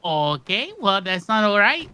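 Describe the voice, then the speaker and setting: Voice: medium pitch, sing-song, a little slow, bright, forceful tone, clear, resonant tone, low-quality recording. Teasing speaker with a Minnesotan accent. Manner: teasing, bossy. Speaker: roleplay friend on a call. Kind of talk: casual in-game chat.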